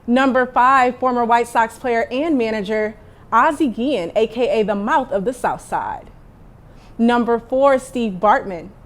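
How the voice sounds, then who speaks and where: A young woman reads a scripted sports countdown, moving briskly from item to item. Her voice is a little higher than most women's, and her delivery stays light and easy. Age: young adult. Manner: light, list-style countdown reading. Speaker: student sports reporter. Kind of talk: scripted news package narration.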